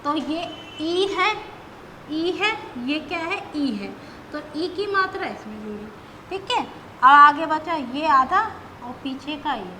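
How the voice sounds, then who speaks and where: A woman's voice: high voice, noisy background. A woman teacher explaining grammar step by step, patient, who often checks in with her students as she goes.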